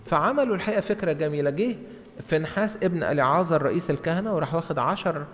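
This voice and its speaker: Racing along with lively intonation and a fairly bright, high-leaning voice, a middle-aged priest with an Egyptian Arabic accent explains the Bible from a lectern in a large church. He keeps it conversational, acting out dialogue and repeating short phrases for emphasis. The gooseneck lectern mic records in an echoing church hall.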